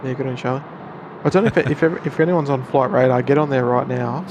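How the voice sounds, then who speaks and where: A man's voice: medium pitch, fast. A man co-hosting a casual live stream. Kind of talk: casual live plane-spotting chat. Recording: outdoor traffic and urban noise. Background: city and vehicle noise.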